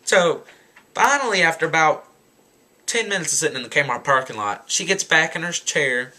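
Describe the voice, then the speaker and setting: A young man in his late teens telling a story in a casual rant, animated and exasperated. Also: fairly high pitch, moderate pace. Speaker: vlogger.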